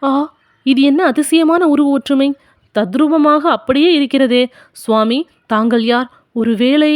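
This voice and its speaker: A woman's voice: high-pitched, measured pace, dry recording, clean studio sound. A woman voicing an anguished old male sculptor in an audiobook, pleading and crying out for his daughter. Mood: startled.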